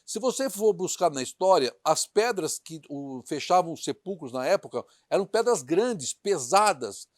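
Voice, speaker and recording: Earnest high-voiced male preacher. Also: expressive, moderate pace, few pauses, no echo, clean studio sound. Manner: earnest, addresses listeners directly with questions. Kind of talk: sermon with scripture reading.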